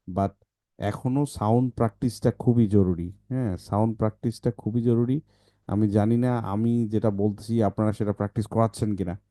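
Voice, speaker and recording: A man's voice: lowish voice, dark tone, no room sound, clean studio sound. A man teaching phonics, explaining the method to parents and often checking in with short questions.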